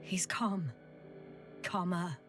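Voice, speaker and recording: A terse field doctor. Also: female voice, on the low side, drawn-out words. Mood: focused. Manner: clipped, matter-of-fact reports. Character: composed female field doctor, terse and practical. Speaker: scientist on a planet mission. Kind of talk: video game voice acting. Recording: game audio, distant mic, music under.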